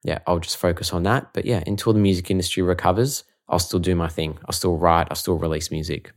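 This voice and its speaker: Male musician guest, Australian accent, low voice, casual easygoing conversational delivery. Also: fairly even intonation, fast talker. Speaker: musician being interviewed. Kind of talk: casual chat.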